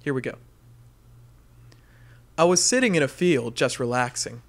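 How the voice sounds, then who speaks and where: A man co-hosting a casual comedy podcast, reading out a listener's dream as an animated storyteller who laughs often. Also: mid-range voice, measured pace.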